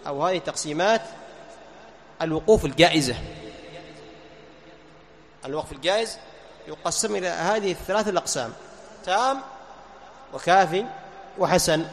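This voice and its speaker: A man with a high voice teaches a recitation lesson in a hall with a long reverb. He keeps asking his listeners short questions and then answers them himself, repeating each key term. A faint hiss sits under the recording. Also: a bit bright. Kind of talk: classroom lesson.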